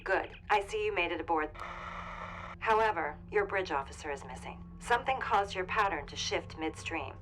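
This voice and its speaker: An actress playing a female starship captain in danger in a sci-fi video game, commanding and composed, with clipped, measured military delivery. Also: fairly low pitch, lively intonation, fairly bright tone, a little hiss or hum, rough recording. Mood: composed, businesslike. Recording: game dialogue over background music.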